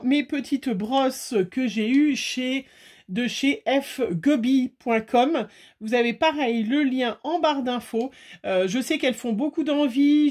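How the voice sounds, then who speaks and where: A woman chatting casually as she hosts a card-making tutorial, rambling with frequent fillers and pauses. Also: high-pitched, darkish tone. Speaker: crafting video host. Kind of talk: casual craft tutorial chat.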